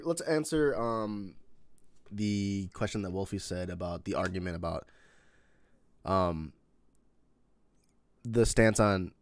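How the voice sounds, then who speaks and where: A man's voice: sits low, no echo. A young man from Chicago with a Chicago accent, hosting a casual live-stream chat and rambling through questions with lots of fillers. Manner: rambling, many fillers and restarts. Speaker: streamer host.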